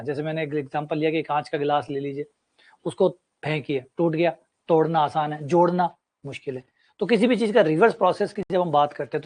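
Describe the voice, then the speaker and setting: A man gives a maths lecture, his voice sitting a little higher than most men's. He explains step by step with everyday examples and says key points twice. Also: a little mellow. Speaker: maths teacher. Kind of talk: classroom lecture.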